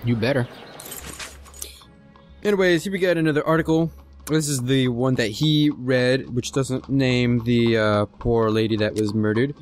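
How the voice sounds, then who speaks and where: A man's voice: mid-range voice, fairly even intonation, measured pace, faint music behind. A young man giving casual, joking commentary as he plays a video game. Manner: joking, goofy, chatty. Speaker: let's play host.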